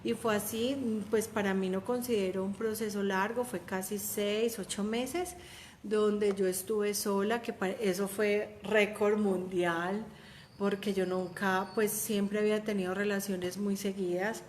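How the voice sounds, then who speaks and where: A woman's voice: medium pitch, fairly even intonation, a little slow, slight background noise. A woman, telling a personal faith testimony in a heartfelt, conversational way with frequent restarts. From Colombia. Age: 30s.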